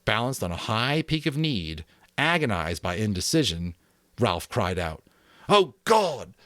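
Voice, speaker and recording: In clean studio sound with no echo, a man with a fairly low, slightly bright voice and lively intonation reads a novel dramatically at a measured pace. As an amateur voice actor, he sometimes stumbles, repeats lines, and pauses to redo takes.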